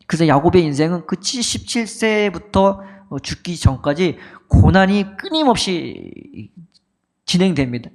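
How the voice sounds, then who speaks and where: A middle-aged male pastor preaching a sermon, telling a story and asking rhetorical questions. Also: a little high. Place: church sanctuary.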